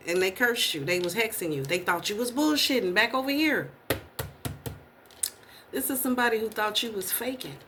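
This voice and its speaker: A woman's voice: medium pitch, bright, forceful tone, a little hiss or hum. Blunt, profane woman tarot reader. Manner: blunt, profane, repeats rhetorical questions. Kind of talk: casual tarot reading.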